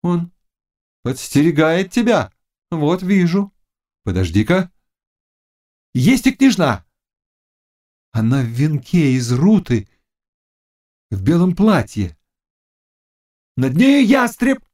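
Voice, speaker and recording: A man voicing a fierce, mocking young witch and fortune-teller in an audiobook, chanting incantations in a high, loud voice. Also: sing-song, slow, pauses often. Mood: cryptic. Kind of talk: audiobook character reading.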